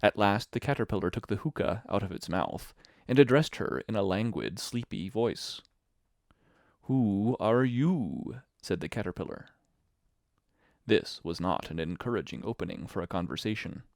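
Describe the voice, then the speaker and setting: A man reading a classic story aloud as an audiobook narrator, with expressive storytelling. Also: deep voice, normal speed, gravelly, dry recording, studio quality. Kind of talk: scripted narration.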